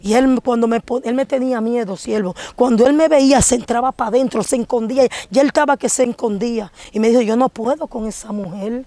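A woman's voice: a little high, fast talker, few pauses, warm tone, dry recording. A woman giving a fervent religious testimony, emphatically declaring rebukes in a raised preaching voice. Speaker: church testimony giver.

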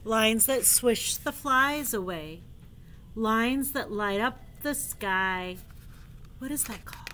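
A woman reads picture books aloud to children in a soft, gentle manner. Her voice is high and her pace very slow. She often pauses to ask the listener questions. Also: animated, a little hiss or hum. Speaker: children's storyteller.

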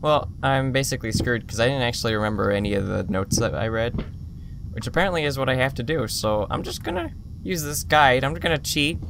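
A man giving casual, jumpy commentary while playing a horror game, mumbling, swearing, and shouting at the game. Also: medium pitch, fairly quick, creaky. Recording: loud background noise.

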